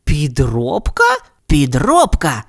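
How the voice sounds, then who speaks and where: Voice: medium pitch, huge pitch swings, moderate pace, pitched above the performer's own voice. A narrator doing a blustering greedy tomcat. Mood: furious. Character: greedy, hot-tempered tomcat, loud and boastful. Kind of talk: storybook character voice.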